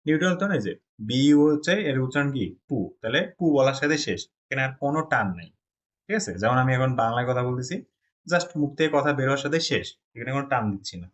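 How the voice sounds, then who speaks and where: In a fast, animated classroom lesson, a man from Bangladesh with a medium-pitched voice teaches Chinese pronunciation. His explanations go step by step, and he often pauses to confirm the students are with him.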